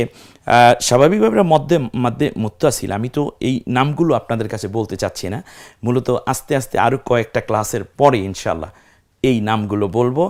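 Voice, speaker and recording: A man's voice: mid-range voice, darkish tone. Man, teacher, patient recitation lesson, stretched vowels, questions to the class. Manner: spells out letters and stretches vowels to demonstrate; asks the class questions and answers them himself.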